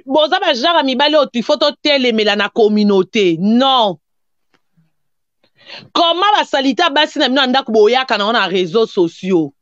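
A woman's voice: fairly high pitch, lively intonation, moderate pace, no echo. A woman commentator who lectures and scolds in a casual online talk. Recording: dull muffled recording.

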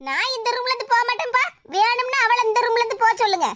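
A woman's voice: very high-pitched, fast, sharp tone, no echo. A woman voicing a cheeky, argumentative young cartoon girl with a Tirunelveli Tamil accent. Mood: defiant. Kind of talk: cartoon voice acting.

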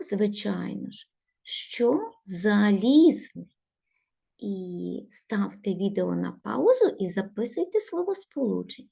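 A woman teacher giving a recorded video lesson to young pupils, setting out instructions slowly and stressing each word. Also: mid-range voice, creaky, a little mellow, slightly rough. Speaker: primary school teacher.

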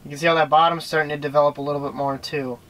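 A man's voice: a little high, flat delivery, very fast, a bit bright, poor audio. A young man explaining how he fishes, chatty and casual, inside a small ice fishing shelter on a camera-mounted mic. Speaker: fishing vlogger. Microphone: camera-mounted shotgun mic with windscreen.

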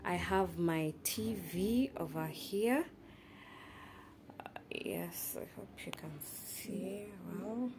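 Slow, chatty Kenyan woman vlogger. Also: fairly low pitch, background noise. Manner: chatty, slow and halting with many fillers. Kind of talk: casual house tour. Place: small studio apartment indoors. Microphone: handheld phone camera, speaker off screen.

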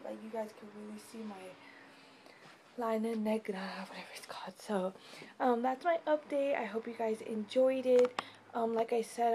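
A woman's voice: on the high side, mellow, slight background noise. A tired young woman giving a casual, rambling pregnancy update vlog at home, with many fillers. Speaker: vlogger.

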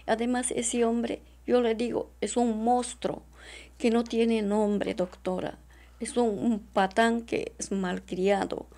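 A middle-aged woman, giving distressed, halting testimony in an interview and repeatedly addressing the interviewer. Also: on the high side, level tone, gravelly, mellow. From Peru. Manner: halting and repetitive, often addressing the interviewer as doctora. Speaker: witness.

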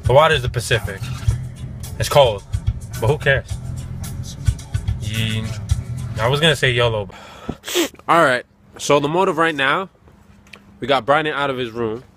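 A man's voice: medium pitch, unhurried, pauses often, bright, forceful tone. A young man chats casually and slangily as a vlogger, filming himself at arm's length. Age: young adult. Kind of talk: casual vlog chat with slang. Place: handheld camera in a car and outdoors. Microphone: camera at arm's length. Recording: music and car noise behind.

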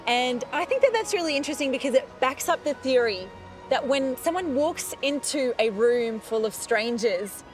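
Expressive and high-voiced, a woman speaks at normal speed while presenting a science documentary. She talks with volunteers outdoors near a beach and in a parked bus, keeping things upbeat, friendly, and clearly explained. It's a rough recording with background music.

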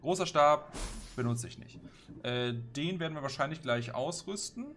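A man's voice: a little high, moderate pace, a bit bright, soft background music. A man giving casual, playful, slangy gameplay commentary, often talking to himself and the game. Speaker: let's player. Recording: clear background game noise. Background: game ambience.

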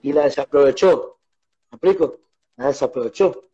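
An animated Argentine man tells stories in a casual radio interview. He acts out quarrels as he goes, in a slightly high voice on muffled, lo-fi studio audio. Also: moderate pace. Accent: Argentine Spanish. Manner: animated storyteller acting out phone quarrels. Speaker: musician guest.

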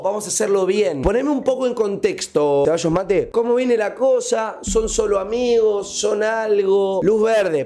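A man's voice: high-pitched, mellow. A young man with an Argentine accent chatting casually on a live stream, joking playfully and reading out messages. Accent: Argentine Spanish.

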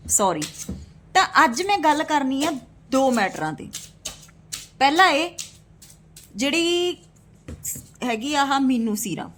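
High-voiced woman, scornful roast vlogger. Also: slight background noise. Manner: scornful, indignant; addresses viewers as brothers and sisters. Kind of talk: casual roast vlog to camera.

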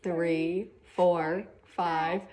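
Sitting on a couch in her living room, a woman in her thirties reads a picture book to children with animated expression, like a teacher at story time. Her fairly low voice is full of gasps and drawn-out words, captured by a phone camera about a metre away.

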